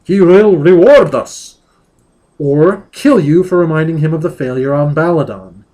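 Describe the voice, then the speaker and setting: A man voicing a menacing male demon leader who makes slow, measured threats. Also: fairly high pitch, expressive, warm tone. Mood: threatening.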